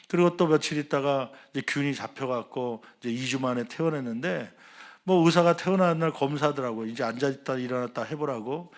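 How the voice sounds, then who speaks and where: A middle-aged man, a senior pastor, preaching a Sunday sermon, telling a personal story and acting out the quoted dialogue, swinging between loud and hushed. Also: medium pitch.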